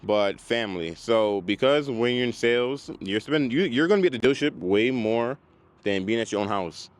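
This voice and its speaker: A man's voice: medium pitch, animated, normal speed. A man talking casually as a car salesman giving advice in a vlog, in a conversational way that repeats points for emphasis. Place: outdoors at a car dealership. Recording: noisy outdoor lot, vehicle and dryer noise. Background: loud dryer and passing cars.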